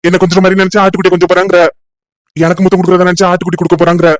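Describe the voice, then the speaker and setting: A woman voicing a gruff, impatient young village man who talks in a dismissive, scolding way in a cartoon love story. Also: on the low side, flat delivery, racing, no echo, voice pushed down, close to an everyday voice. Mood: teasing.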